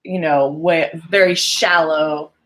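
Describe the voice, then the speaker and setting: A woman's voice: sits low, fairly even intonation, slow pace, fairly bright tone, low-quality recording. A woman co-hosting a podcast, chatting about music with enthusiasm and lots of "like"s. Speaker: podcast co-host. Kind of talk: casual conversation about music.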